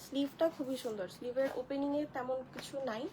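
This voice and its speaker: A high-voiced woman hosts a live online clothing sale. She chats with viewers, greets them by name and walks through each dress. A faint noise runs under the recording. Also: fairly even intonation, fast talker, dark tone, poor audio. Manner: chatty, addresses viewers as sisters, greets commenters by name. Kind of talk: live-stream product showcase.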